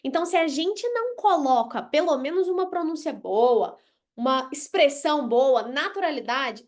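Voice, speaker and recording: Woman English teacher from Brazil, high-pitched, blunt, playful, live online lesson with drawn-out pronunciation demos.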